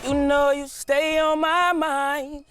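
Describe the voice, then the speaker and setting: A man's voice: very high-pitched, flat delivery, slow, over music. A man from Washington, DC, chatting casually as an audition contestant and breaking into bits of song. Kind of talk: casual chat with bursts of singing.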